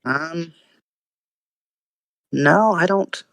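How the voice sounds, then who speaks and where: A man's voice: fairly high pitch, extremely slow, gravelly, fairly bright tone, no room sound. A young man in a casual philosophical debate over voice chat, thinking aloud with frequent restarts, fillers and hedging.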